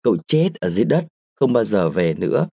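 A man voicing a young widowed mother who speaks softly and sadly, and scolds now and then. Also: on the low side, sing-song, fairly quick, gravelly, breathy edge, no echo, studio quality, heavily acted. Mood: sad gentle. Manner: soft, sad, sometimes sharp.

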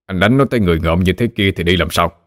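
A male storyteller voicing a stern, measured older village father. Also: low voice, dry recording, studio quality, lightly acted.

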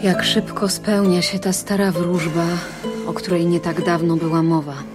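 An actress playing a solemn woman of the chorus, speaking in measured, grave tones in a radio drama. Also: lowish voice, little pitch movement, over music, lightly acted.

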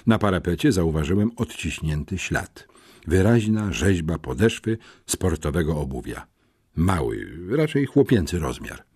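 Brief: expressive male audiobook narrator, lowish, husky, lively delivery, dry booth sound. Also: a little slow, dry recording. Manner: expressive first-person storytelling. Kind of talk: scripted narration.

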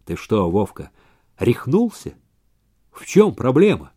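A man voicing an accused flat owner who answers calmly, without raising his voice, in a story reading. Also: mid-range voice, takes it slowly, husky, full character voice. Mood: calm defiant. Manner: calm, level, not raising his voice.

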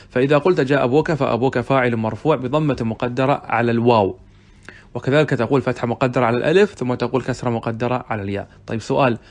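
A man teaching Arabic grammar, reading a classic text aloud and explaining it with questions to his students. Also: medium pitch. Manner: reads passages aloud, then explains them with questions to students.

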